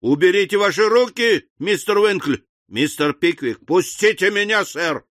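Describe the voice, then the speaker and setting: A stout old country squire who is quick to temper barks orders in a booming voice. A male narrator puts him on in a classic novel reading. The voice sits a bit high and dry. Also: animated, pushed and bright, no echo. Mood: furious. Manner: booming, commanding.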